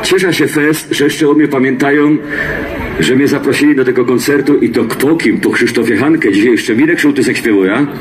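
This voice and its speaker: A middle-aged man with a Silesian accent, a comedian, singer and stage entertainer, jokes with the crowd in dialect in a folksy way and repeats himself as he goes. His medium-pitched, fairly quick voice comes through a handheld mic and loudspeakers on an outdoor stage in a town square. The live PA feed, with music and a noisy background, was filmed from the audience.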